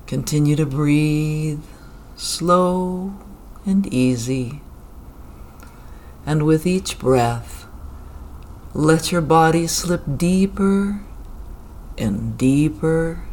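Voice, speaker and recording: A calm meditation guide talks at a very unhurried pace, stretching out each phrase and leaving long pauses between lines. The voice sits at an ordinary middle pitch. A steady wash of ambient sound is clearly heard behind it. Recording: clear ambient background noise.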